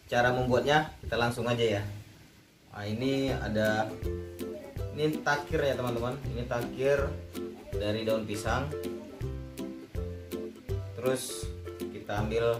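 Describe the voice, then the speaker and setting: A man hosting a casual cooking tutorial, chatting to viewers as friends while he works. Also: on the low side. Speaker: cooking vlog host. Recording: roomy sound, distant mic, music behind.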